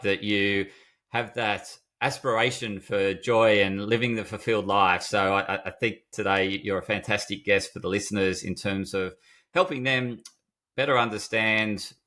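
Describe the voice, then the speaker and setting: A man's voice: lowish voice, sharp tone. A man hosting a podcast interview, enthusiastic and rambling, often restarting his sentences. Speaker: podcast host. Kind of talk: podcast interview, scripted intro.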